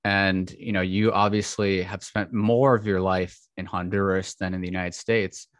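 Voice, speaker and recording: A man hosting a podcast, introducing a guest and asking questions in a steady manner. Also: low-pitched, moderate pace, no room sound, clean studio sound. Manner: steady, reads bio then chats. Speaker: podcast host. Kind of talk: scripted intro then casual chat.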